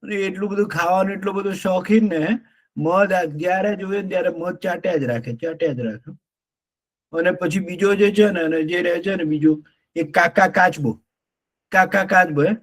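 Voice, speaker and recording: A man telling an animated story to children in an online class, often checking in with them. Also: high-pitched, normal speed.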